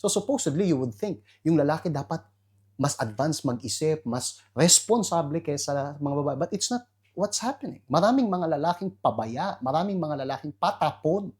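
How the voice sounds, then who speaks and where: An animated male pastor with a Filipino accent preaches to an online audience. His voice leaps high for emphasis, then drops to quiet asides. He slips English phrases in as he talks. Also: moderate pace.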